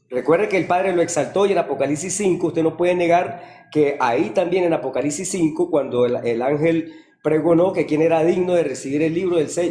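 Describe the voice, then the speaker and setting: A man's voice: on the high side, warm tone, reverberant. A man, a pastor, answering in a religious debate, hesitant at first and citing scripture to defend himself.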